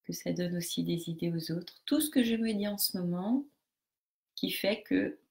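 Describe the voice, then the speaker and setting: A woman with a lowish voice and a gravelly, creaky edge coaches a group live. She walks the listeners through each step of a method, speaking straight to them. Her delivery is hesitant, full of fillers and restarts. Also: moderate pace, a little mellow. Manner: hesitant, many fillers and restarts while explaining; instructive, talks directly to participants.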